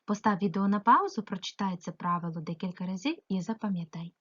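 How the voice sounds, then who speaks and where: A female primary school teacher giving a remote grammar lesson, asking the pupil questions and answering them herself, stretching example words slowly. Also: mid-range voice, slightly rough, dull audio. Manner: slow, sing-song emphasis on example words; addresses the pupil directly, asks and answers herself.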